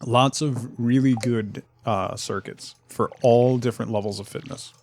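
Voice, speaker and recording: A man's voice: mid-range voice, fairly even intonation, measured pace, a little mellow, a little hiss or hum. A young adult man streaming a farming game, chatting casually with viewers and laughing often. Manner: chatty, reads and answers chat, laughs often. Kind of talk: casual live-stream chat while gaming.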